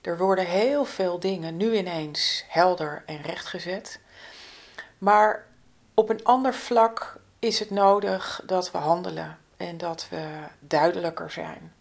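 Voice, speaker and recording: A woman delivers a spiritual astrology forecast in a slightly low voice full of vocal fry. She talks very slowly and gently in an instructive way. Her phrases often fade into a breathy near-whisper.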